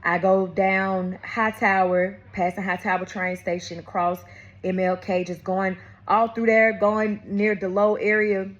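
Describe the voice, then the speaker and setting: A woman's voice: mid-range voice, measured pace, lo-fi sound. A woman, telling a faith testimony as a casual vlog. She keeps calling her viewers y'all and baby and often restarts her sentences as she tells the story. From Atlanta, USA. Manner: talks straight to viewers, calls them y'all and baby; animated storytelling with frequent restarts. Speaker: vlogger.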